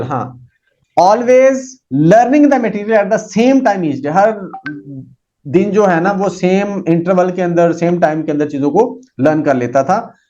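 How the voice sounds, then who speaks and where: A man teaching a psychology lesson. He reads English lines slowly and explains them with many fillers. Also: on the high side, warm tone. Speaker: psychology lecturer. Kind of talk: lecture reading English text and explaining in Urdu-Hindi. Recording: dull lo-fi recording.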